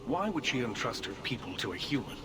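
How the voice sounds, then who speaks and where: A man's voice: medium pitch, big pitch swings, fast, close to an everyday voice. A man playing a stern senior mage in a video game, challenging and accusing with pointed questions. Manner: accusing, rhetorical. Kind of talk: video game character acting. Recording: long reverb, background noise.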